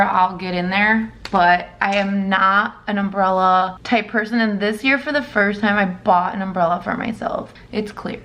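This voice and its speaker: A raspy-voiced woman in her thirties, chatting casually as she walks through a makeup tutorial. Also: medium pitch, a bit bright. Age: 30s. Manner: rambling, chatty, narrating as she works. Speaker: makeup vlogger.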